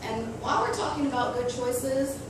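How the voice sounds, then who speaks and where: A raspy-voiced woman with a slightly high register gives schoolchildren an earnest personal talk about choices, speaking slowly and deliberately. She is captured by a distant mic in a hard, echoing school hall, so the sound is boomy with steady noise underneath.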